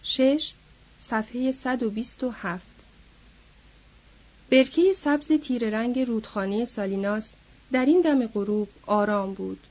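Woman reading a novel aloud, husky and mellow, dull lo-fi audio. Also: fairly high pitch. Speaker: audiobook narrator. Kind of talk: scripted narration. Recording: dull lo-fi recording.

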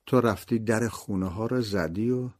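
A man's voice: fairly low pitch, a little mellow, dry recording, clean studio sound, close to an everyday voice. A man voicing a frantic young boy. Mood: anxious, pleading. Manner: tearful, urgent. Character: distressed young boy pleading with his mother.

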